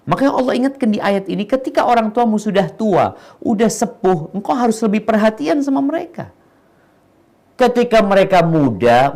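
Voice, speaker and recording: Guy preaching, kinda high voice, goes quiet then loud for emphasis. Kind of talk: sermon.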